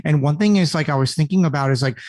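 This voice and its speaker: A man's voice: on the high side, quick pace, a little mellow, no room sound, clean studio sound. A man who is a guest on a podcast, talking casually and rambling, with lots of "like" and "you know.".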